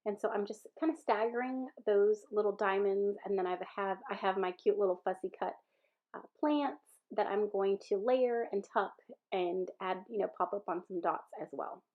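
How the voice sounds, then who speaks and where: A woman's voice: medium pitch, normal speed, phone-quality sound. Stuffy-nosed chatty Southern woman. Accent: Southern American. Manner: chatty, rambling with fillers and self-corrections. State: stuffy-nosed from a sinus infection. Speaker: scrapbooking video creator. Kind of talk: casual craft voice-over.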